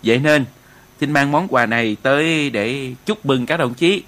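A man's voice: medium pitch, measured pace, fairly bright tone, close to an everyday voice. A man voicing a proud male relay station chief who speaks formally with small hesitations. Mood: earnest.

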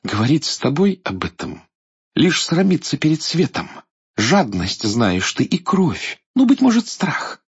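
A man's voice: fairly high pitch, wildly swooping pitch, a little slow, breathy edge, dull audio, pitched above the performer's own voice, heavily acted. A man voicing a proud, scornful young princess in a verse fairy-tale play.

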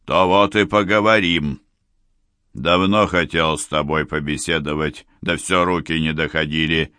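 A man voicing a cruel, menacing male bandit chieftain who growls threats slowly. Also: extremely low pitch, fairly even intonation, pushed and bright, clean tone, dry recording, studio quality, heavily acted. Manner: growling, threatening, slow and drawn out. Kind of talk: audiobook character voice.

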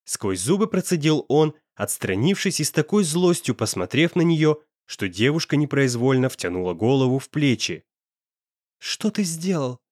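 A male narrator reads a romance in a lively, animated voice that rises and falls a great deal. His delivery is melodramatic, and the recording is dry and close. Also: mid-range voice, moderate pace, few pauses, dry recording. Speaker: audiobook narrator. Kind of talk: expressive storybook narration.

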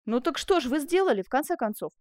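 A woman's voice: mid-range voice, brisk, no echo, clean studio sound, close to an everyday voice. A woman doing an impassive male jailer. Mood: stern. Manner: flat, impassive.

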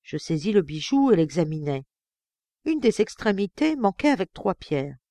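A woman narrating an audiobook in a measured, expressive first-person reading. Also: lowish voice, no echo, clean studio sound. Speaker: audiobook reader.

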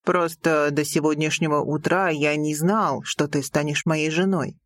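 A woman reading an audiobook, voicing a passionate, teasing young prince with slow, low, intimate delivery. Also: steady tone, dry recording, studio quality. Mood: tender.

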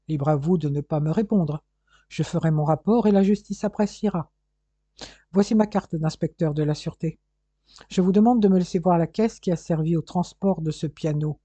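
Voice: medium pitch, moderate pace, mellow, no echo, natural voice. A reader voicing a persistent male police inspector, insistent and coolly formal in an audiobook. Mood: firm. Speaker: detective questioning a household.

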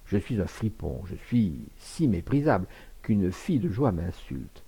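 A man's voice: on the low side, very animated, unhurried, gravelly, mellow, slightly rough, full character voice. A man reading aloud, voicing a despairing young naval officer who speaks with bitter self-contempt.

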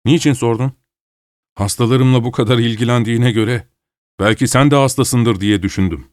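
A man voicing a young doctor with a cold, speaking hoarsely with a slight Scottish lilt. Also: medium pitch, moderate pace, no echo, clean studio sound, close to an everyday voice. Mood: dry.

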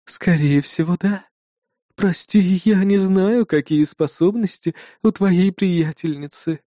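A domineering, sly demoness from an audiobook, voiced by a man, drawling her words slowly with mocking authority. The voice sits a little higher and sounds mellow, recorded dry and close. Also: dry recording. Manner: imperious, mocking, slow drawl. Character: commanding sly female demoness. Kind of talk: audiobook narration.

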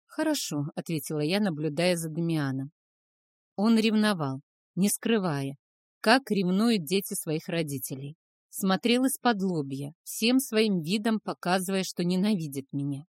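A woman reading a first-person novel aloud in a calm, measured way. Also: on the low side, no echo, studio quality. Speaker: audiobook narrator.

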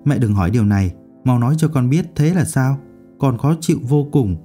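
A man's voice: mid-range voice, animated, a little fast, warm tone, faint music behind, close to an everyday voice. A man voicing a hot-tempered lovesick college girl. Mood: pleading. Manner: outbursts, pleading. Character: young female student, hot-tempered and lovesick.

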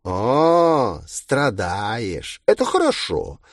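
A man's voice: mid-range voice, wildly swooping pitch, drawn-out words, dry recording, clean studio sound, full character voice. A man voicing a gleeful, mocking murderous villain in a taunting, singsong manner. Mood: gloating. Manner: taunting, singsong, cruelly playful.

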